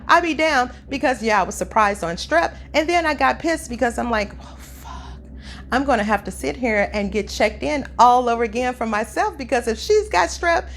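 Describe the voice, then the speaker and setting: Chatty woman getting over the flu. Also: fairly high pitch. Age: 50s. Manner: chatty, animated, addresses viewers as y'all. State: recovering from flu, sore throat. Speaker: vlogger. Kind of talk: casual storytelling to camera. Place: home room by a window, construction outside.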